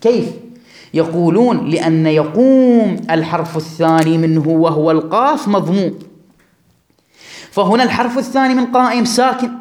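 A man's voice: sits high, expressive, normal speed, darkish tone. A man teaching a classroom grammar lesson, drawing out and repeating words for his students. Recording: echoey room.

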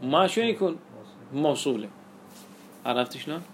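A man's voice: on the high side, lively intonation, normal speed, slight background noise. A man teaching a classroom lesson on Quranic readings, explaining step by step and quizzing his students with questions.

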